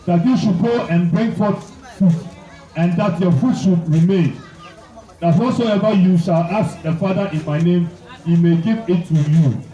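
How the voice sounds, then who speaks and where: A man's voice: high-pitched, a little slow, dark tone, echoey room, far from the mic, dull audio. A man preaching a sermon, praying blessings and reading scripture aloud with repeated phrases for emphasis.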